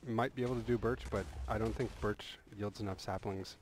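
Talking a little fast in a fairly low voice, a game tutorial creator goes through a build in relaxed voice-over, full of restarts and "uh" fillers as he rambles a bit. The recording is rough, with slight background noise.

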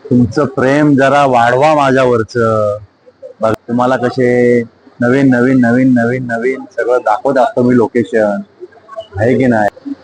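In a low-quality recording with a bit of hiss or hum, a man vlogs from a bustling airport terminal on his phone, chatting casually to camera and calling viewers brothers and friends. His voice is medium in pitch and a little mellow, with fairly even intonation and a measured pace.

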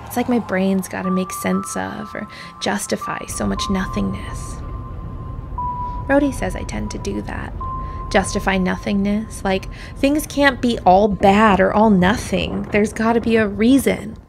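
A woman's voice: mid-range voice, unhurried, creaky. A woman narrating a reflective, scripted personal essay in a wistful, musing way, her voice sometimes sinking toward a whisper. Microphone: voice-over. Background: music.

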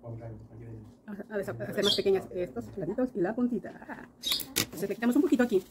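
A woman's voice: medium pitch, a little fast, very noisy. A woman chatting through a casual makeup tutorial, talking to her viewers with lots of diminutives. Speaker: makeup vlogger.

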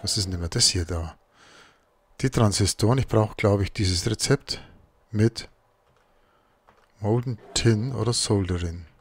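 Low, husky man playing a game. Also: a little slow, pauses often. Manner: muttering to himself while crafting. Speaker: let's play host. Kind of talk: casual gameplay commentary.

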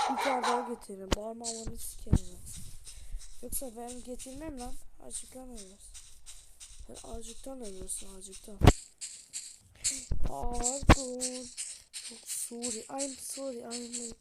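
A fairly high-voiced woman streams a horror game and comments casually as she plays. She swears freely and talks both to her viewers and to the game. Loud noise and clicks run behind her voice. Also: measured pace, pauses often. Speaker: gameplay streamer.

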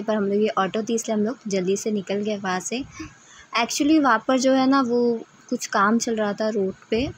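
A woman with a mid-range voice narrates a casual travel vlog, talking to her viewers like friends in a chatty way. The audio is poor, with slight background noise.

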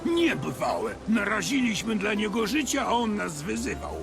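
An actor playing a self-righteous, zealous monster-hater in a video game, declaiming with theatrical indignation. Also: male voice, high voice, sing-song, normal speed, vocal fry, music in the background, heavily acted. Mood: indignant. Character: self-righteous, zealous male monster-hating would-be hero.

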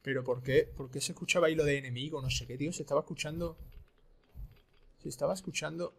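A man commentating a video game, excitable and repeating his phrases. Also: a little high, fast, vocal fry, breathy edge. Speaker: streamer. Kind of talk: gaming commentary.

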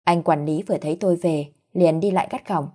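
A woman narrating a first-person story in a measured, dramatic way. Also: lowish voice, dark tone.

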